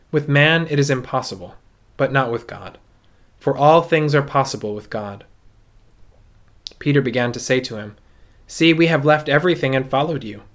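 Priest at a pulpit microphone, church reverb. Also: male voice, medium pitch. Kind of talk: gospel reading and homily.

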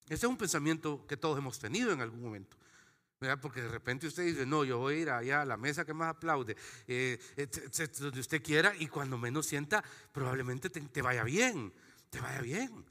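Pastor guy preaching, jokey and chatty, bright voice, echoey church hall. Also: medium pitch, lively intonation, fairly quick. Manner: conversational, jokey preaching with acted-out asides. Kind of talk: sermon. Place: church sanctuary.

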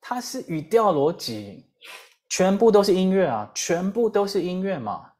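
A woman with a Taiwanese Mandarin accent giving a lively English lesson, full of rhetorical questions and repeated drills. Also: medium pitch, unhurried. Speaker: English teacher. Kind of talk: lively lecture.

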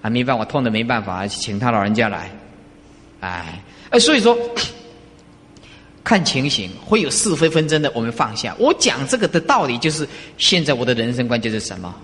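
A man giving a casual dharma talk as a Buddhist master, conversational and animated, often asking his listeners rhetorical questions. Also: mid-range voice, normal speed. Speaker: Buddhist master teaching disciples. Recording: reverberant hall.

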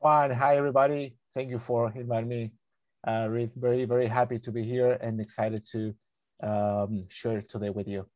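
A man's voice: medium pitch, fairly even intonation, normal speed, no echo, dull audio. A man in his thirties from Argentina, with an Argentine accent, a native Spanish speaker, answering interview questions as a guest naturalist guide in a friendly, hesitant way. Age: 30s.

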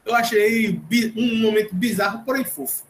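A man with a high-sitting voice at a moderate pace hosts a casual podcast, recapping a cooking show in a chatty way full of jokes and asides. The sound has a roomy echo and faint noise.

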